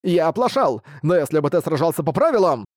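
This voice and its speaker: Male reader voices a cowardly little bat servant for an audiobook, shrill, boastful, lively and high. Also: brisk, no echo, clean studio sound. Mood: shrill boasting. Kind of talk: audiobook reading.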